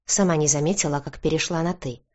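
A woman narrating a first-person audiobook with even, clear storytelling. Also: low-pitched, moderate pace, highs cut off.

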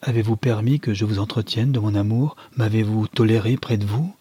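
An impassioned young lover, read by a man pleads with feverish ardor in a dark, husky voice. The audiobook recording is dry, with no room sound. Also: fairly low pitch, fairly quick, no room sound. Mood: wounded. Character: young man desperately in love, pleading and wounded.

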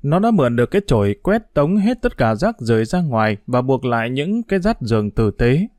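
A man narrating a storybook in a steady, measured reading voice. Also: medium pitch, no echo, clean studio sound.

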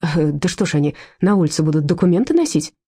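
A woman's voice: deep voice, animated, fast talker, mellow, breathy edge. A woman doing an indignant, frightened woman. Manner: urgent, indignant. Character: frightened indignant woman walking her dog.

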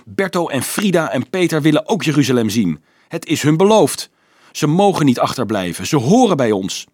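A man doing a shrill, eager young boy. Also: sing-song, normal speed, a little mellow, husky, no echo.

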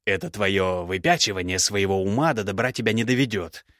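List: man playing a young male mage, low voice, pleading and self-justifying, dry close sound. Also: steady tone, a little fast, fairly bright tone, no echo, natural voice. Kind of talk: audiobook character voice.

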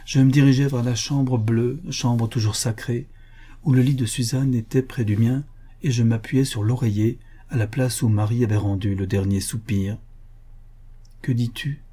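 A man reading a novel aloud in measured, earnest narration. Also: mid-range voice, fairly even intonation, dark tone, breathy edge. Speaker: audiobook narrator. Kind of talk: scripted narration.

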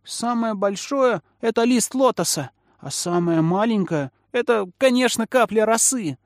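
A man's voice: animated, normal speed, dry recording, clean studio sound. A man reading a storybook aloud and voicing a small child with a ringing voice, asking eagerly. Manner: high, eager questioning.

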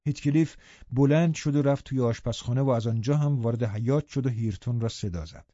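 A man reading an audiobook novel in a measured storytelling manner. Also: medium pitch, warm tone, no echo. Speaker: audiobook narrator. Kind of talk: scripted narration. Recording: dull, dry audiobook recording.

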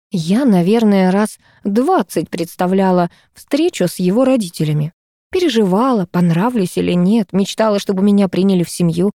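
Mellow woman narrating a first-person audiobook. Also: medium pitch, no room sound, clean studio sound.

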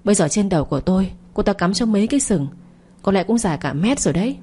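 A woman's voice: medium pitch, lively intonation, quick pace, warm tone, slightly rough. A woman voicing a man who whines and pities himself as a wronged husband, in an audio story reading. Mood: self-pitying. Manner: whiny and self-pitying. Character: self-pitying man, an aggrieved husband.

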